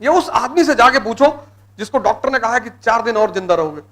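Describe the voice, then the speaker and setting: Very high-pitched male motivational lecturer. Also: expressive, fairly quick, fairly bright tone. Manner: exhorting, blunt commands, repeats key words. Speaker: motivational speaker for exam students.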